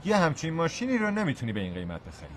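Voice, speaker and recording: A man's voice: a little high, huge pitch swings, slight background noise. A man dubbing a chatty, friendly acquaintance who vouches for an old townsman.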